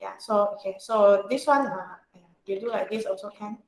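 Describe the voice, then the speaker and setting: A woman's voice: mid-range voice, normal speed. A woman with a Singaporean or Malaysian English accent teaching an informal tutorial, often checking with questions and using colloquial particles. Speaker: accounting tutor. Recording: roomy, echoey sound.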